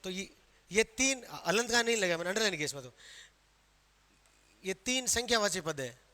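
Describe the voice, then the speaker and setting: Male grammar teacher, high voice, Rajasthani Hindi accent, self-quizzing lecture style. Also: lively intonation, normal speed, bright, forceful tone. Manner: quizzing students with questions he answers himself. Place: classroom. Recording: long reverb of a hall.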